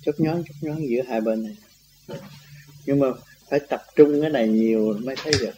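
A man's voice: mid-range voice, fairly quick, dark tone, slight background noise, rough recording. A man giving an informal spiritual teaching, rambling and repeating himself, laughing now and then. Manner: rambling, repetitive, laughs often. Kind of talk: informal religious teaching talk.

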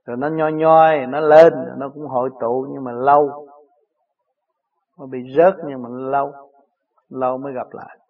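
Chuckling Southern Vietnamese teacher, lo-fi. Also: male voice, mid-range voice, fairly even intonation, unhurried, long pauses. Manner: chuckling, plain-spoken storytelling. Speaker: spiritual teacher. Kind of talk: answering disciples' questions.

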